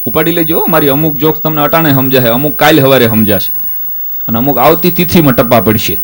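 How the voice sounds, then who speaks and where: A man's voice: fairly high pitch, quick pace. A man, a folk stage comedian telling jokes and putting on voices for the characters. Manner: lively joke-telling that switches into voices for the characters. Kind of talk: stand-up folk comedy storytelling.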